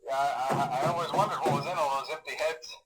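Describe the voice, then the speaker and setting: A man's voice: mid-range voice, lively intonation, moderate pace, over loud music. Phone Guy, hesitant telephone-message employee. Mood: uneasy, resigned. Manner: hesitant, rambling, filler-heavy, nervously reassuring. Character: awkward, falsely upbeat male pizzeria employee leaving phone messages. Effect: telephone filter. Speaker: company trainer. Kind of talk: recorded phone message, video game voice acting.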